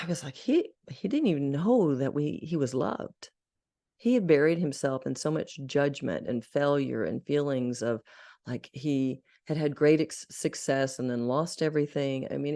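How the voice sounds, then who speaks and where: On a podcast, a middle-aged woman from Arkansas recounts her life in a heartfelt, candid and earnest way. She speaks in a low, gravelly voice with a darkish tone.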